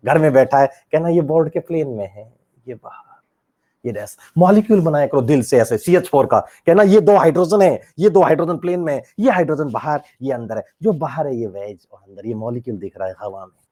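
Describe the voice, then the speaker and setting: A man teaching chemistry in a lively lecture, jumping between loud bursts and quiet asides while acting out his students. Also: fairly high pitch, brisk. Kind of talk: animated classroom lecture.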